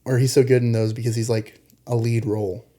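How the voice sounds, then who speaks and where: A young man with a mellow, dark-toned voice riffs on a podcast. He is wry and quick to poke fun, tossing in mocking impressions as he talks. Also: mid-range voice, little pitch movement. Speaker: podcast co-host. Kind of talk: casual movie discussion.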